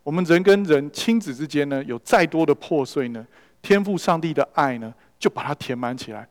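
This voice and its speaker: A man's voice: a little high, animated, brisk. A man preaching a sermon in a church hall and telling stories, slipping English words into his speech. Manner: storytelling preacher who mixes in English words. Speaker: pastor. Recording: long reverb of a large hall.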